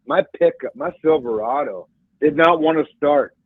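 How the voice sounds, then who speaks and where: A male caller on a bad, breaking-up phone connection, talking in an excitable, rambling way. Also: fairly high pitch, normal speed, breathy edge, no echo. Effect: bad connection, breaking up phone line. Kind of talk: casual call-in chat. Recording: tinny, breaking-up phone line.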